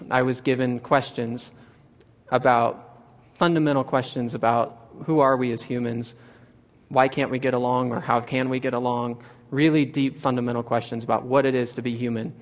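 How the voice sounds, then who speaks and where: A young man from Nebraska giving an earnest storytelling talk, often restarting phrases and lifting his voice for quoted lines. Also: mid-range voice. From Nebraska, USA.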